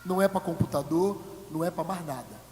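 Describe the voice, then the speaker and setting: A high-voiced Brazilian pastor preaches with humor, acting out the voices of his congregation and swinging from loud bursts to quiet asides. His voice rings through a large church hall with a long tail of reverb. A faint hum sits under it. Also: lively intonation, a little fast. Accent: Brazilian Portuguese. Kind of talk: sermon.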